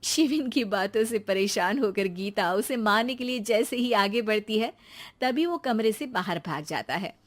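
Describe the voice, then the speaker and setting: A woman's voice: mid-range voice, expressive, normal speed. A woman storyteller reading scripted narration for a children's comedy tale.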